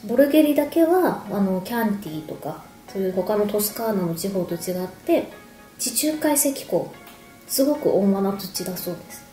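A woman's voice: mid-range voice, animated, normal speed, mellow. A woman in her thirties giving a casual explanation to camera while sipping a drink and snacking. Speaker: wine explainer, video host. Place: echoey indoor room at home. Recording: echoey room with background music. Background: music.

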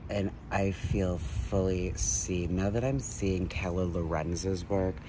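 Guy in his 30s ranting into his phone outside, deep voice, slow, street noise behind. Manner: excitable, jumpy, lecturing. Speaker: vlogger. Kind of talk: rambling selfie monologue. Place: outdoors by a building wall. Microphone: phone at arm's length.

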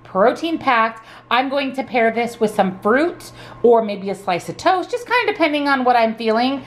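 A woman's voice: a little high, big pitch swings, moderate pace. Upbeat woman narrating a cooking vlog. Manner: upbeat, enthusiastic, chatty. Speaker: meal prep vlogger and nutrition coach. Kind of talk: casual cooking voice-over.

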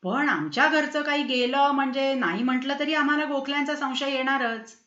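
A man's voice: very high voice, normal speed, sharp tone, reverberant, dull audio, voice pushed up. A woman voicing the storyteller's exasperated, anxious male character in a storybook reading. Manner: agitated, questioning. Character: anxious, exasperated man of the house.

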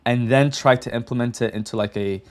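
A man's voice: medium pitch, steady tone, brisk. A young man hosting a casual coding tutorial, chatty and direct, often saying "like" and "okay". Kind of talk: casual screen-share tutorial.

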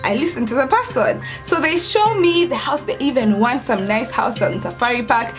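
A young woman with a Kenyan accent casually tells a story to camera from indoors at home, near an open doorway. She's dramatic, acting out the dialogue and code-switching into Swahili, her fairly high voice lively in intonation at a moderate pace. Faint music plays behind her.

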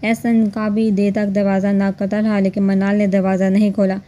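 A woman narrating a romance novel in a steady, even reading voice. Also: medium pitch, moderate pace. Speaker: storyteller.

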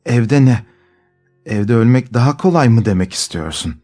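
A man's voice: mid-range voice, animated, normal speed, warm tone, faint music behind, close to an everyday voice. A man voicing a sick noblewoman, bitter and pleading. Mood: despairing.

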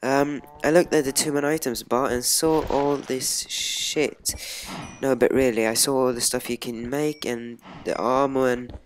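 In a low-quality recording with a little hiss or hum and music behind, a young gamer from Sweden talks through casual let's play commentary. He has a Swedish accent and a steady, medium-pitched voice, goes a little slowly, and rambles hesitantly with many ums.

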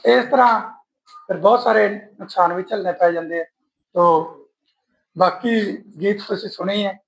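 A Punjabi lyricist with a strained throat, speaking at an honour ceremony and singing his own songs slowly between remarks. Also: high-pitched, vocal fry, rough recording. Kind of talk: speech with sung verses at an honour ceremony.

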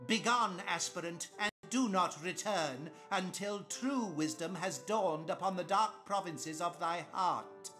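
An actor playing a pompous, zealous cult priest in a video game, speaking in solemn, archaic, ceremonious oratory. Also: male voice, high voice, unhurried, few pauses, sharp tone. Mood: solemn, preaching. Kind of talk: scripted video game acting. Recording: game music underneath.

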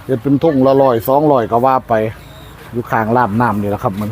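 A man's voice: medium pitch, quick pace, darkish tone. A man with an Isan northeastern Thai accent giving a casual market tour, hyping cheap prices and repeating phrases to viewers. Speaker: market vlogger. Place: outdoor roadside market. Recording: noisy outdoor market with passing vehicles.

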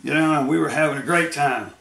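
A man's voice: fairly high pitch, quick pace, creaky, a bit bright, reverberant. An American man telling rambling road stories in a casual, folksy way, often laughing as he goes. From United States. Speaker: storyteller. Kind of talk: casual storytelling.

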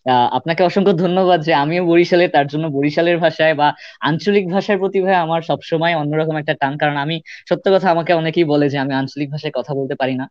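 A man's voice: fairly high pitch, fairly even intonation, fast talker, no room sound, lo-fi sound. Earnest young man co-hosting radio. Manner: earnest, with many filler sounds. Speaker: radio co-host. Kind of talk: hosting a student radio show.

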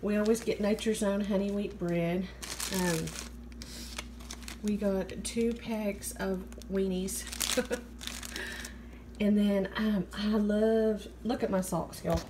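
A woman's voice: mid-range voice, steady tone, slow pace. An American woman in her thirties narrating a haul in a chatty, informal way, as a vlogger on a handheld phone. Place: home kitchen, indoors. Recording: clear background room noise.

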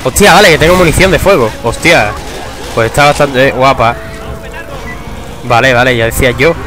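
A young man giving casual, excitable gameplay commentary, swearing and breaking into shouts. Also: mid-range voice, normal speed. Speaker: gamer. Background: game music.

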